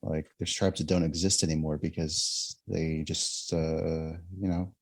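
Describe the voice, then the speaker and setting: A man co-hosting a podcast in casual conversation, blunt and quick with his asides. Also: rumbling low, little pitch movement. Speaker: podcast co-host.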